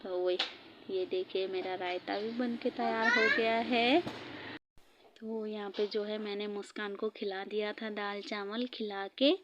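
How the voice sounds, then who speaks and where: A woman's voice: medium pitch, lo-fi sound, slight background noise. A woman vlogger narrating her day in a chatty, rambling voice-over, laughing often. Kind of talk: casual voice-over vlog narration.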